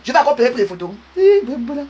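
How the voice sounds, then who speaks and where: This woman in her fifties is a social media live streamer with a high, sing-song, dark-toned voice, talking at a racing pace. She rambles and teases her way through a casual, chatty rant, speaking right to her viewers. The live-stream recording is noisy and muffled.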